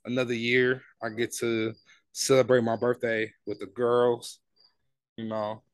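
A man's voice: mid-range voice, flat delivery, a little slow, clean tone, no room sound. A man in his twenties co-hosting a podcast in casual chat. He talks in a laid-back, slangy way and restarts his sentences often. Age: 20s. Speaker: podcast co-host.

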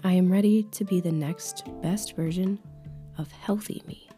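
A woman leading a guided meditation with affirmations in a calm, soothing, unhurried, breathy voice that is close to a whisper, right in the listener's ear. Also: lowish voice, soft background music.

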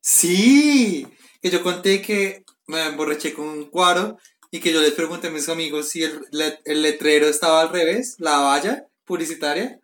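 A young woman co-hosting a casual podcast chat, relaxed and teasing. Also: low-pitched, moderate pace, roomy sound. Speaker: podcast co-host.

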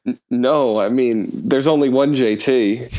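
A man's voice: mid-range voice, unhurried, mellow, dull audio. A man co-hosting a sports podcast on a mic, bantering wryly and casually. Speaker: podcast co-host.

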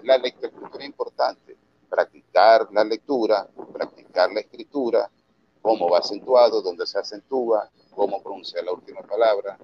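A Venezuelan radio announcer with a Valera accent explains his craft in a low voice, earnest and instructive, restarting phrases as he goes. He comes through a dull, lo-fi video call with a faint hiss underneath. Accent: Venezuelan Andean, Valera. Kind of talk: remote interview answers.

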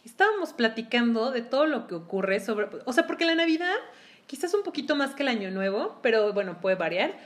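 A woman co-hosting a casual group conversation, laughing often and talking in an animated way. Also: on the high side, brisk.

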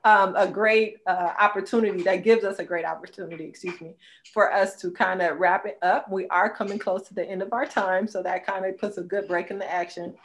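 A woman's voice: medium pitch, steady tone, brisk. A woman hosting an interview, heard over a glitchy video call, talking openly with fillers. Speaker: host.

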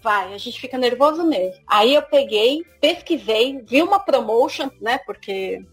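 Brazilian woman, slightly high and husky, chatty and animated on a podcast. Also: a little slow, soft background music. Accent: Brazilian Portuguese. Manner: animated storytelling. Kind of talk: casual podcast chat.

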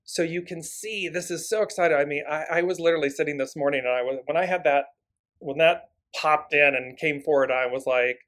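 A man with a slightly raised voice leads a spiritual talk as host. He speaks fast and eagerly, piling up repeated phrases. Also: on the high side, a bit bright. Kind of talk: live-streamed spiritual talk.

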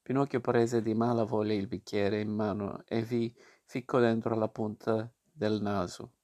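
A man reading a classic children's story aloud in a measured, expressive way. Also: lowish voice. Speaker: narrator.

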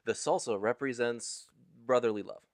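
A man's voice: mid-range voice, moderate pace, dry recording, studio quality. A man co-hosting a podcast with casual, joking chat. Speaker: podcast co-host.

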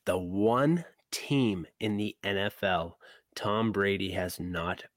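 A man co-hosting a podcast, chatting about sports in a teasing way, with quick bursts and repeated words. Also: sits low, no echo. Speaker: podcast co-host. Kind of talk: casual sports chat.

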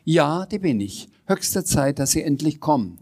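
A bossy, excitable older landlady from a storybook, shrill and impatient, as a man reading aloud puts her on. Her voice sits well above a man's usual pitch and snaps out demands. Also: a little slow, full character voice.

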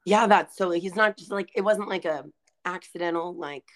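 A woman's voice: lowish voice, moderate pace. A woman in her twenties co-hosting a podcast, chatting casually with lots of fillers as she tells stories. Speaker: podcast co-host. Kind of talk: casual chat.

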